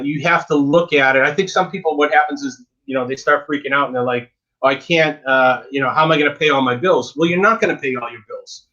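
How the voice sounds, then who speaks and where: A man's voice: a little high, a bit bright, lo-fi sound. A dentist giving frank, emphatic advice in a casual interview, often repeating words as he talks.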